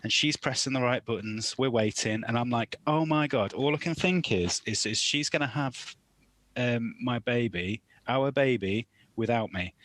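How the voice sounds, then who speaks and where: A man in his thirties with an English accent, telling a lively story on a casual podcast and acting out the lines he quotes. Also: mid-range voice, normal speed, dry recording. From England. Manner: animated storyteller, acts out quoted lines loudly. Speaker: podcast co-host, new father.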